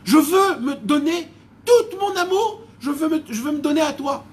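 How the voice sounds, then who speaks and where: A man acting out God speaking, loving and mighty, in slow, loud, solemn declarations. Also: extremely high pitch, animated, voice pushed up.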